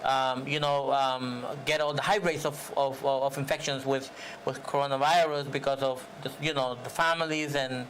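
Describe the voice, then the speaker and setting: A man hosting a TV interview, asking rambling, halting questions with many fillers. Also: mid-range voice, little pitch movement, fairly bright tone, a little hiss or hum. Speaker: TV show host.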